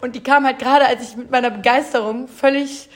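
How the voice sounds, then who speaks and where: A young woman in casual chat, telling a story with animated quoted voices and frequent laughter. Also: sits high, brisk.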